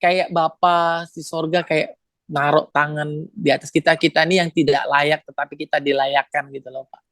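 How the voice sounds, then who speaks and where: A man's voice: fairly high pitch, moderate pace, dry recording. A man giving a testimony as a guest, telling a family story with feeling, laughing often and turning to the host as he talks. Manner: lively, laughs often, keeps addressing the host. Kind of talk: emotional storytelling.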